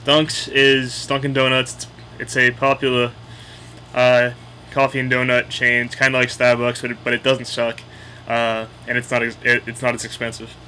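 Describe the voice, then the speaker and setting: A man's voice: medium pitch, monotone, normal speed, bright, forceful tone, slight background noise, rough recording. A man with a Boston accent casually explaining local slang in a blunt, opinionated, sweary way. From Boston area, United States.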